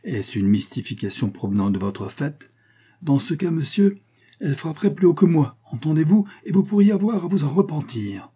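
A man voicing an indignant, excitable middle-aged male astronomer in an audiobook, with shrill, exasperated outbursts. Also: normal speed, lightly acted.

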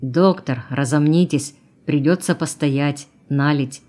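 A woman's voice: low voice, slow pace, dark tone. Audiobook driver: plainspoken, grumbling working man, voiced by a woman. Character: male truck driver, joking, grateful.

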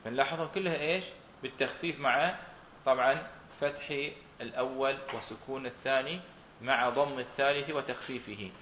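A man's voice: medium pitch, brisk. Man teaching a class. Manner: asks students questions and repeats their answers. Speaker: Quran recitation teacher. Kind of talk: classroom lesson with questions to students. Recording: roomy, dull recording with faint noise.

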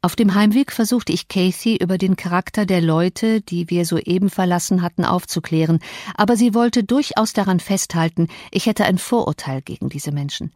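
Lower-pitched woman audiobook narrator, measured and even, dry close-mic sound. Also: no echo. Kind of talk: scripted narration.

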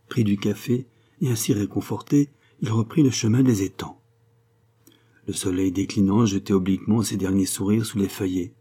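Husky low-voiced male narrator. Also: dark tone. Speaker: audiobook narrator. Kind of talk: literary audiobook narration.

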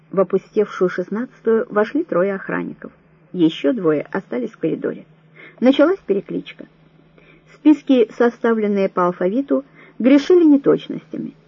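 A woman narrating an audiobook in a measured, even storytelling manner, with a husky voice. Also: medium pitch, no echo. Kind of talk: scripted narration. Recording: dull lo-fi dry recording.

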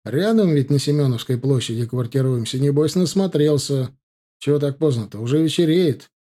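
A friendly, chatty infantry staff captain, voiced by a man. He talks familiarly in a mellow, darkish voice. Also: mid-range voice, moderate pace, lightly acted.

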